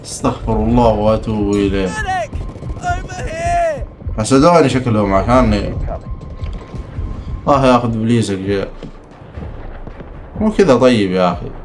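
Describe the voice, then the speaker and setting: A young man giving excitable, teasing live commentary while playing a shooter game. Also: lowish voice, moderate pace, long pauses, soft background music. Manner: excitable, teasing, mutters complaints. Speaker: gaming streamer. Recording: game audio with gunfire behind.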